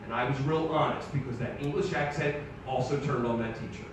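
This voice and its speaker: A middle-aged man performing live stand-up comedy, telling animated stories and swearing freely, recorded on a theater stage. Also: medium pitch, a little fast. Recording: echoey hall from far off, crowd noise.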